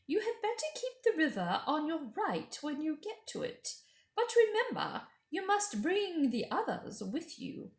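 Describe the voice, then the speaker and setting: Woman playing storybook witch queen, high swooping voice, slow coaxing grandeur, falsely sweet, echoey room. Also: big pitch swings, full character voice. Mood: coaxing, sly. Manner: drawn-out, grand, coaxing delivery. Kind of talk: storybook character reading.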